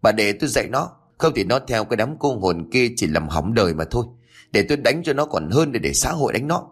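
A man voicing an angry older stepfather who scolds forcefully. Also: medium pitch, sing-song, fairly quick, breathy edge. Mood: furious scolding.

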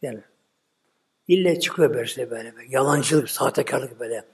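A man's voice: fast, gravelly. A man giving a sermon as a religious teacher, retelling a story dramatically with acted dialogue, in loose spoken phrasing that repeats itself. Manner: dramatic retelling with acted dialogue and big swings of pitch and loudness.

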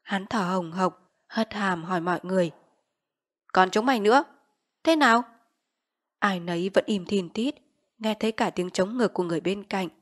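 Woman narrating a novel in a hushed voice. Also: on the low side, steady tone, fairly quick. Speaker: audiobook narrator.

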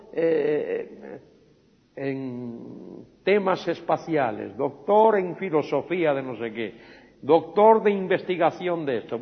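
A man's voice: on the high side, creaky. A man teaching a Bible study in sermon style, retelling scenes and acting out the quoted speech in a raised voice, repeating phrases and asking his listeners rhetorical questions. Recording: dull lo-fi sound with a long echo in a large hall.

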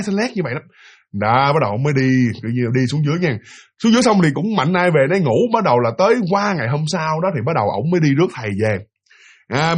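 Fast, husky man telling a ghost story. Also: fairly high pitch. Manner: excited, repetitive, acts out the characters' lines. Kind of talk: spoken ghost story narration.

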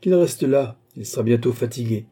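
A man's voice: medium pitch, moderate pace, warm tone, husky, natural voice. A man reading aloud and voicing a harsh, bullying male magistrate who sneers and barks his orders. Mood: harsh, shouting. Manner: sneering, barking.

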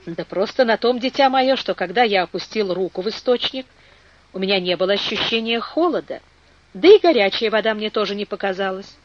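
A reader voicing a calm, learned middle-aged male engineer in an audiobook, explaining things patiently. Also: mid-range voice, brisk, lo-fi sound, natural voice.

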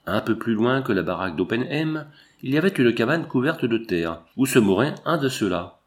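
A man narrating a novel in an expressive, measured reading. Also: mid-range voice.

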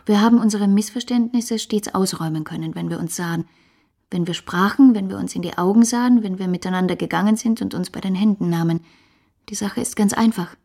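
A woman's voice: medium pitch, fairly quick, warm tone, close to an everyday voice. An actress playing a passionate young woman writer in a radio play, speaking earnestly, intimately and pleadingly. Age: 20s.

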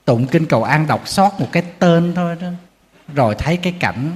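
Buddhist monk preaching in a reverberant hall. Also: male voice, a little high, brisk. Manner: storytelling, animated, acting out quotes with humor. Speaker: Buddhist monk giving a dharma talk. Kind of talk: sermon.

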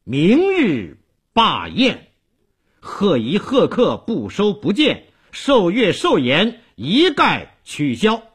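A man's voice: high voice, huge pitch swings, slow, breathy edge, pitched above the performer's own voice, full character voice. A man playing a grieving, remorseful chief minister who speaks in earnest, emotional declarations, in a storytelling performance. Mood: firm decree.

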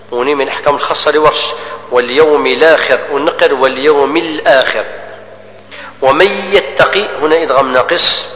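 A man teaches Quran recitation rules, explaining each rule and then chanting the verse slowly as an example. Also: medium pitch, a bit bright. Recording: echoey hall with long reverb.

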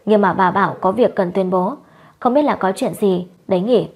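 Husky-voiced woman telling a story. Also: mid-range voice, normal speed, a little mellow. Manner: voices the characters' dialogue with little change of voice. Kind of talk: scripted story narration.

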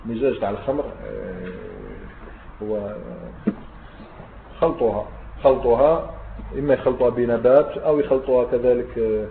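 An Islamic scholar with an Algerian Arabic accent gives a classroom grammar lesson, explaining step by step and often asking his students "understood?" to check they follow. His mid-range voice moves at normal speed with long pauses, recorded in an echoey room over a tinny, phone-like line with slight background noise.

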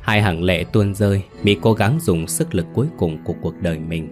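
A man narrating a scripted ghost story in a steady storytelling manner with dramatic asides. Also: deep voice, normal speed. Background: faint background music.

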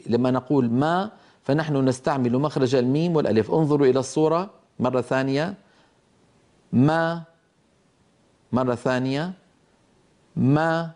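Mellow-voiced man teaching phonetics slowly. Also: medium pitch. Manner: slow, explanatory, with hesitant restarts and demonstrated sounds. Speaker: Quran recitation teacher. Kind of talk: lecture on tajweed phonetics.

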